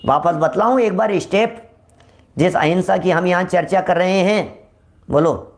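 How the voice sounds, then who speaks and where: A man's voice: high voice, unhurried. A man delivering a Jain religious sermon, asking rhetorical questions and briefly mimicking other people's voices. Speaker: Jain preacher.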